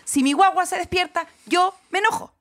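A woman's voice: very high voice, fairly quick, fairly bright tone. A Chilean woman in her thirties co-hosting a casual chat, playful and ironic. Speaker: podcast co-host.

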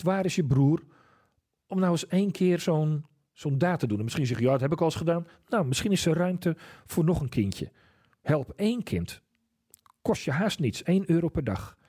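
Earnest man preaching, husky mellow voice. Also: fairly high pitch. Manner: earnest, questioning, repeats key phrases. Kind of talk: sermon. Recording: church service broadcast on radio.

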